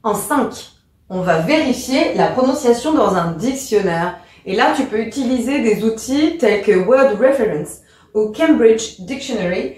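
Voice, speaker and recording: A woman's voice: on the high side, expressive, unhurried, a little mellow, recorded from a distance. Teacherly woman in an echoey room. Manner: patient, teacherly, step-by-step. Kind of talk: explanatory lesson.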